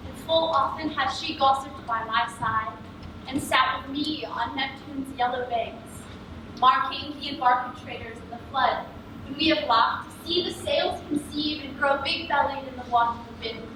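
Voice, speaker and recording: A woman's voice: sits high, moderate pace, close to an everyday voice. A woman playing a proud, angry fairy queen in hammy, theatrical Shakespearean stage style. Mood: firm pride. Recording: distant echoey stage capture with faint noise.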